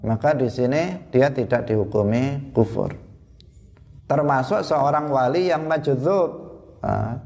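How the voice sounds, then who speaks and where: Man, religious teacher, gravelly voice, slightly high, patient step-by-step explaining. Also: darkish tone. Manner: explains step by step with examples and rhetorical questions. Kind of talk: Islamic study lesson.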